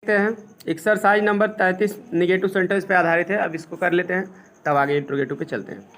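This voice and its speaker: A male English teacher explaining grammar step by step, asking the class questions and dictating English sentences slowly. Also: high voice, fairly even intonation, fairly bright tone. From India. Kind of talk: classroom lesson.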